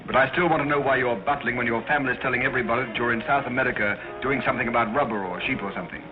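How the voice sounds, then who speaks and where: Man as a fast-talking, breezy 1930s film gentleman. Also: mid-range voice, close to an everyday voice. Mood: curious, teasing. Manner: brisk, bantering. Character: breezy, nosy well-to-do society man, old friend. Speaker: actor in a film. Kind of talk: 1930s screwball film acting. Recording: muffled 1930s film soundtrack with music.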